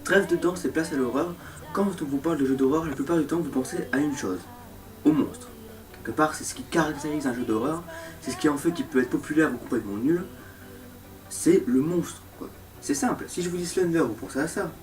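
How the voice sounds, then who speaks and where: Mocking asides run through the scripted, casual commentary of a young man who hosts a horror game review show. His fairly high voice moves briskly, recorded on a distant mic with music playing behind him.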